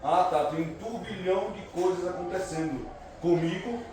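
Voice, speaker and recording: A tired-sounding recruiter gives a motivational talk to a class of students, his high voice at a moderate pace. He fills his speech constantly with "no caso" and pushes the room to answer him. The room is very echoey, the mic distant, with background noise.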